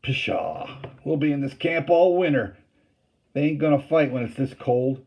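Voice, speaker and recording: A man's voice: mid-range voice, expressive, drawn-out words, breathy edge, muffled recording, pitched above the performer's own voice, exaggerated voice. A man voicing a blunt, folksy Union soldier in camp. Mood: scoffing.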